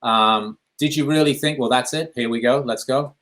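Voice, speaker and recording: A male interview host asking calm questions, often restarting with small repeats. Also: mid-range voice, moderate pace.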